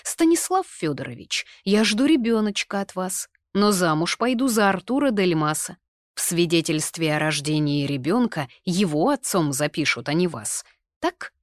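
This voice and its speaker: A woman reading the lines of a lively, stubborn young man in an audiobook, arguing in a brisk way. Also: lowish voice, dry recording, clean studio sound, pitched above the performer's own voice. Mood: heated.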